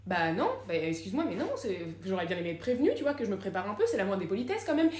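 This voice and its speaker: Woman doing a cocky lil male bird, hushed and annoyed, talks fast, echoey. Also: mid-range voice, big pitch swings, close to an everyday voice. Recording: echoey room.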